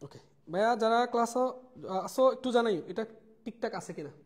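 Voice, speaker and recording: A man's voice: very high voice, brisk. A young man teaching a live online math class. He repeats key points, mixes in English words and calls his students brother. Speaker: math tutor.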